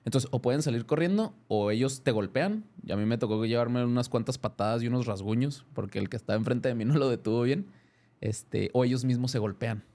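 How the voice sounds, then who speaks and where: Mexican man telling a story, mellow tone. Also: mid-range voice, a little fast. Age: 30s. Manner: animated, many restarts and self-corrections. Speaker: guest. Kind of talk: casual interview storytelling.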